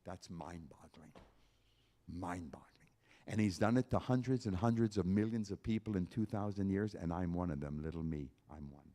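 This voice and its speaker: A man's voice: low voice, normal speed, dark tone. A man, a concert pianist, giving an emphatic evangelistic talk at a church concert, appealing directly to his listeners with repeated phrases.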